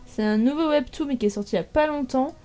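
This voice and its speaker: A young woman casually ranking manga in a tier list, thinking aloud with many fillers and pauses. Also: high voice, dark tone.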